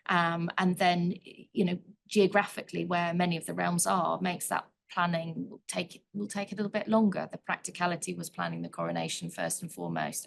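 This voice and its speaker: A woman giving considered, analytical remarks as a discussant at a conference, in a measured way. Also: on the low side, gravelly, a little hiss or hum.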